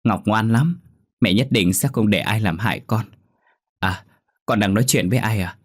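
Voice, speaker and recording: A man's voice: lowish voice, moderate pace, breathy edge, no room sound, studio quality. A man voicing a frightened young mother in a spoken horror story, talking with urgent pleading. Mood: tender.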